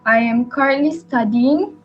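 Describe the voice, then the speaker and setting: A woman of nineteen, a communication student, talking in a relaxed way. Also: high-pitched, a little slow, dull audio, soft background music. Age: late teens.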